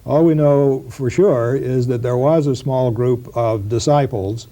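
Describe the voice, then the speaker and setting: This is explanatory interview talk from a professor with a soft-edged, mellow, mid-range voice, unfolding history without hurry. He keeps stopping and starting, leaning on fillers and repeating words. It resembles a broadcast interview from the 1990s.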